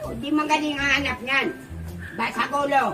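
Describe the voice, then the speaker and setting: A woman's voice: sits high, steady tone, moderate pace, bright, forceful tone, soft background music. An elderly grandmother ranting in a rambling, accusing way, agitated and confused. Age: older. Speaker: grandmother being filmed. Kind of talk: heated rambling outburst.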